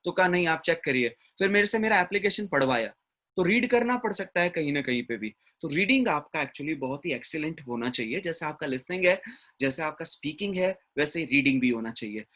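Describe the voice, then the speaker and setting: A man's voice: fairly high pitch, expressive, brisk, a bit bright. A man giving a classroom lecture as an English teacher, often checking in with his listeners. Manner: mixes English words into explanation, frequent "ठीक है ना?" check-ins.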